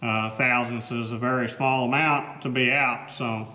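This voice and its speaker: Male machinist, medium pitch, casual workshop explainer. Modest, plainspoken, matter-of-fact delivery. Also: steady tone, a little slow, bright, forceful tone. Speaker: machinist presenting his repair work.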